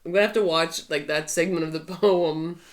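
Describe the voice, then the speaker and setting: A woman's voice: low-pitched, fairly even intonation, a little fast. A woman co-hosting a podcast, joking and giggling in casual chat. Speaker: podcast co-host.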